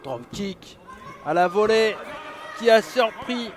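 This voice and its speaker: A man works as a wrestling commentator, calling the action live in a very high-pitched voice. He is excitable and exclaims often, yet his pace stays fairly unhurried. A crowd can be heard behind him. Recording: noisy live event with crowd. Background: crowd at a wrestling show.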